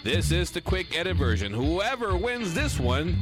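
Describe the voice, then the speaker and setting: A man co-hosting a comedy show with casual banter, delivered slowly and emphatically, over music. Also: on the high side, big pitch swings. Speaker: co-host.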